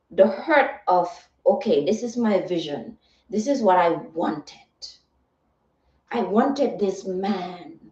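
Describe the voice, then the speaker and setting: A motivational content creator hosts a livestream, giving a live talk and answering viewers in a slow, mellow, soothing medium-pitched voice. She sounds earnest and reflective, checking in rhetorically with "right?" and "okay." The distant mic picks up a roomy echo and slightly muffled sound.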